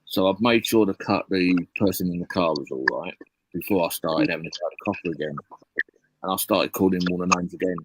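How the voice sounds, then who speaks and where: Deep-voiced man, sweary storyteller. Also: fast, background noise. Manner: heavy swearing, blunt rambling anecdote. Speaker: live streamer. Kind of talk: casual live-stream storytelling.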